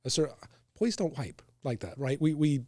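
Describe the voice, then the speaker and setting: A man's voice: on the high side, normal speed, dry recording, studio quality. A man co-hosting a casual podcast chat, talking frankly and often ending with "right?". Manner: frank, animated, tag questions "right?". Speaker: co-host.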